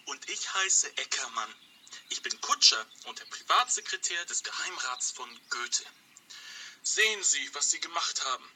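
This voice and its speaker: A man's voice: a little high, lively intonation, a little slow, pushed and bright, a little hiss or hum, heavily acted. An actor playing a loyal but self-important secretary and coachman, polite and a bit pompous. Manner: polite, fussy, a little pompous. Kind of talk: radio play for language learners.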